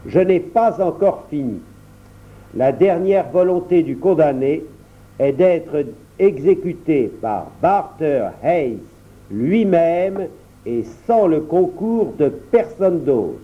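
A stern judge lays out a verdict in slow, formal pronouncements, as a male narrator puts him on. His delivery is lively in pitch, and the recording sounds dull and lo-fi. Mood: firm. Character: stern, sly man acting as judge.

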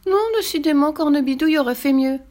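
A woman voicing a cheeky, stubborn little boy in a storybook reading, whiny and excitable. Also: sits high, quick pace, pitched above the performer's own voice, natural voice. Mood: cheeky, excited.

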